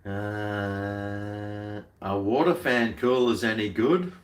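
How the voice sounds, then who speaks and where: A man's voice: on the low side, steady tone, extremely slow. A middle-aged man with an Australian accent chatting casually on a livestream, laid-back, blokey and full of slang. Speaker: livestream host. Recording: roomy, echoey sound.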